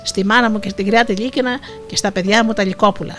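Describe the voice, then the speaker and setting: A storyteller voicing a gullible, blustering male wolf, loud and gruff, in an Asia Minor Greek dialect. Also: mid-range voice, fairly even intonation, soft background music, close to an everyday voice. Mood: angry.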